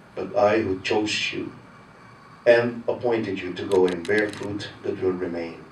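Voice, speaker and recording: Deep Filipino priest in cathedral echo. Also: male voice. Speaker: priest, homilist. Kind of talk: liturgical reading and sermon. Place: large echoing church interior. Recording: cathedral-like echo, distant mic, faint noise.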